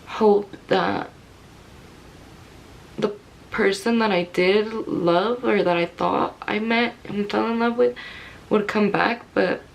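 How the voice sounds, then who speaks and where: A woman's voice: medium pitch, steady tone, slow pace, creaky, pauses often, low-quality recording. Candid young woman telling a story. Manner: candid, rambling, many "like" fillers. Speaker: vlogger. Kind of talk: personal storytelling to camera.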